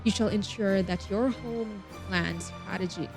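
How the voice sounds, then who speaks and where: While streaming a game, a woman reads the story text aloud with expression and drops in casual, chatty asides. Her voice is medium-pitched and unhurried, with game music behind her.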